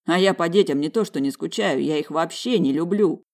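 A man's voice: on the high side, brisk. A man narrating a first-person audiobook in a wry, inward way, grumbling in the dialogue.

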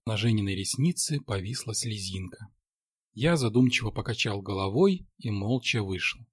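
A man reading a story aloud with wry, dry timing. His voice is husky, recorded close in a dead, dry space. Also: mid-range voice, dry recording. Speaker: narrator.

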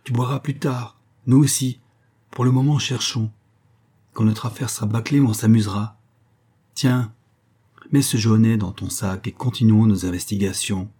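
A man voicing a gruff, commanding male convict leader who gives curt, imperious orders. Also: on the low side, steady tone, normal speed, warm tone.

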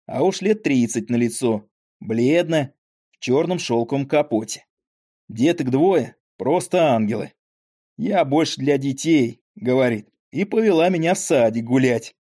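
A man's voice: medium pitch, expressive, unhurried, warm tone. A man voicing a frail, talkative old father with a weak voice and rambling folksy speech, in an audiobook. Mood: grumbling, chatty.

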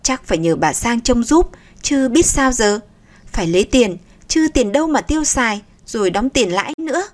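Woman doing a shrill, furious young mother. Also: lively intonation, moderate pace, close to an everyday voice. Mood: worried. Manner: yelling, scolding. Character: frazzled young mother, short-tempered and shrill.

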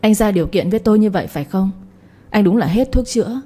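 A woman's voice: medium pitch, animated, fast talker, mellow, natural voice. A woman voicing a bitter scolding old mother. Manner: reproachful, scolding. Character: embittered older mother, possessive and scolding.

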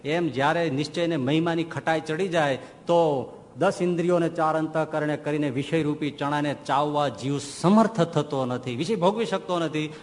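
A man tells a sermon in a folksy, animated way. His voice sits fairly high and carries a long hall reverb. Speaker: monk preacher. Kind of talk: sermon storytelling.

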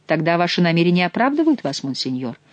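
Man doing a proud nobleman, calm, restrained, deferential, impassive, even tone, dry voice. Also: on the high side, fast, no echo. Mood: measured. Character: cold, proud male nobleman, the prince's master of the hunt.

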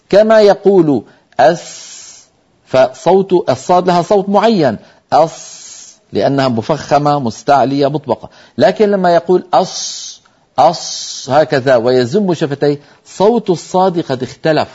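An older man with a slightly high voice teaches recitation in a broadcast lesson. He explains with patient emphasis and voices single letters to show how they sound. The audio is dull and lo-fi. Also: warm tone, breathy edge.

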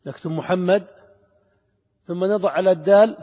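A man's voice: high voice, moderate pace, mellow. A middle-aged man teaching a grammar lesson, asking his students questions and repeating the key words to drive them home. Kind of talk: classroom lesson explaining grammar. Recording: lo-fi lecture hall recording with long reverb.

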